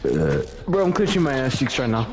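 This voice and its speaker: A man's voice: mid-range voice, wildly swooping pitch, a little fast. A young man playing a game with friends, teasing and trading gross-out jokes in casual chat. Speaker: gaming friend.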